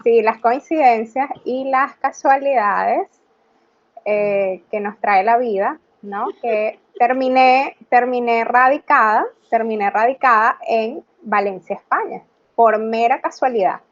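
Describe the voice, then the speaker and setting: A woman's voice: on the high side, unhurried, muffled recording. Woman in her thirties, filler-heavy. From Venezuela. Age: 30s. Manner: conversational, frequent "eh" and "ok" fillers. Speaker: guest, graphologist. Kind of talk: casual video-call interview.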